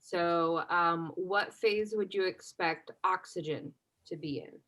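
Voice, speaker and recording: A woman's voice: on the low side, takes it slowly, poor audio. A woman chemistry instructor leading an exam review, talking casually and checking in with the class after nearly every point. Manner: checks understanding constantly with "right?"; relaxed conversational teaching, asks class questions.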